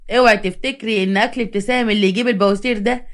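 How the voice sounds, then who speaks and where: Brief: smooth-talking, cheating Egyptian husband voiced by a female storyteller, fast. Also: medium pitch, fairly even intonation, natural voice. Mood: flattering. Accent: Egyptian Arabic. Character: cheating two-faced husband, flattering.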